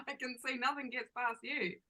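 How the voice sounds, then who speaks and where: A woman's voice: high voice, steady tone, a little slow, bright, forceful tone, full character voice, poor audio. [name], a woman playing a brash Kiwi barmaid. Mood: sardonic. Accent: New Zealand with Australian twang. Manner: blunt, sarcastic, slangy banter. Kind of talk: amateur audio drama.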